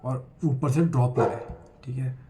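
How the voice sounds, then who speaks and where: A man's voice: medium pitch, steady tone, moderate pace, warm tone, slight background noise. An 18-year-old man with an Indian accent, talking earnestly to camera in a casual vlog, recovering from a cold. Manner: earnest, mixing Hindi and English. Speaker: student vlogger.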